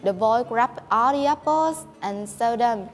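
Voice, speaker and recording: A woman narrating a fairy tale in a steady, careful reading. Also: fairly high pitch, unhurried, in a large hall, faint music behind. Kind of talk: storytelling narration.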